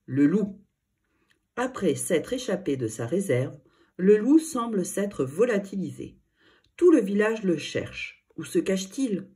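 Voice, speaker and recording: Children's story narrator, woman, low husky voice, very animated. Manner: expressive storytelling.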